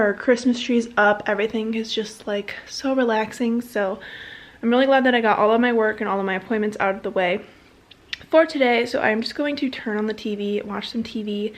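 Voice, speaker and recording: A young woman in her twenties chatting casually to the camera at home, bubbly and rambling. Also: mid-range voice. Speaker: vlogger. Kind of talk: casual chat. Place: home, indoors.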